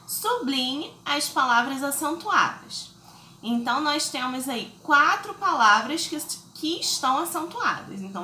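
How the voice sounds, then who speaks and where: Lively bright-voiced schoolteacher. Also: female voice, high voice, roomy sound, a little hiss or hum. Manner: patient, explains step by step with many check-ins. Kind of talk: recorded remote lesson for children.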